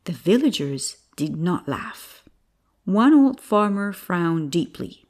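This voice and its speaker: A woman telling a children's bedtime story in a gentle, expressive narration. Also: fairly low pitch, slow.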